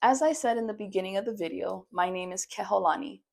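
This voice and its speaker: A young woman from Maui, Hawaii, a therapist, hosts her own podcast in a heartfelt solo monologue. Her medium-pitched voice is fast, gravelly, and a little mellow, earnest and affirming, often dropping in "you know".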